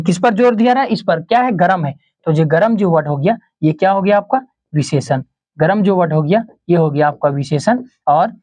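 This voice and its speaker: With a darkish tone, a male teacher walks through Hindi grammar for exam prep, asking questions only to answer them himself. Each example gets repeated, and on important terms he slows and lowers his voice.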